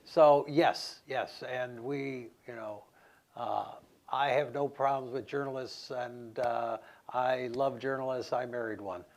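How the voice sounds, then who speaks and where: Halting male election official. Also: medium pitch, fairly even intonation, a little mellow, slight background noise. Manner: halting, repeats words. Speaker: election commissioner. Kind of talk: panel discussion answer. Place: conference hall.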